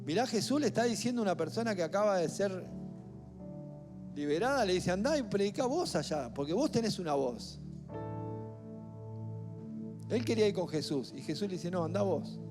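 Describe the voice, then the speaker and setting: A man with a Rioplatense accent preaching a sermon as pastor, emphatic and building to near-shouts on key phrases. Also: sits high. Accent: Rioplatense Spanish. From Argentina. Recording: echoey hall with faint music.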